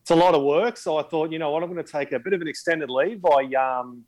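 A man's voice: on the high side, fast, a little mellow. A man with an Australian accent giving team news in a laconic, matey, slangy way on a casual rugby league show. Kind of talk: casual sports chat.

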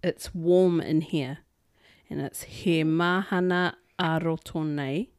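A woman with a New Zealand Māori accent co-hosting a podcast, chatting casually in an expressive, informal, bantering way. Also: deep voice, slow pace, smooth, no echo, studio quality. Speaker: podcast co-host. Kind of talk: casual chat.

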